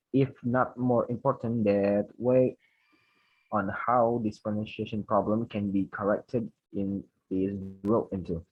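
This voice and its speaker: A young man from Indonesia with an Indonesian accent, a student giving a class presentation, reading prepared points haltingly and correcting himself. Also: on the low side, breathy edge, no echo, dull audio. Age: young adult.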